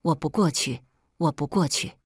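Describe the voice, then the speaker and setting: A woman voicing an obsessive, possessive young nobleman in a read-aloud story, speaking low and forcefully. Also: moderate pace, husky, no room sound, studio quality. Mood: placating.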